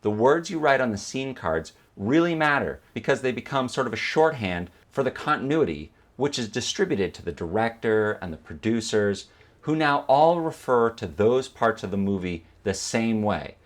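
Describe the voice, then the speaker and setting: A man's voice: mid-range voice, lively intonation, moderate pace. A man narrating an instructional video as a teacher, explaining step by step and posing questions that he then answers. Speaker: film editing instructor.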